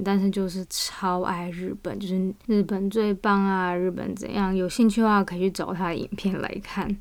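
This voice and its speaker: Speaking in a mid-range, darkish voice, this Taiwanese-accented woman delivers a relaxed monologue on her personal podcast. Vaccine side effects have left her feeling unwell, and her voice comes out weak.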